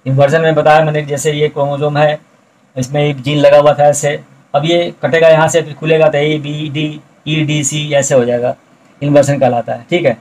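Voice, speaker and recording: Male biology teacher, middle-aged, flat monotone delivery, repeats terms for students. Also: on the high side, normal speed, low-quality recording. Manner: explains step by step, repeats key terms, addresses students directly. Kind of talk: recorded video lecture explaining notes.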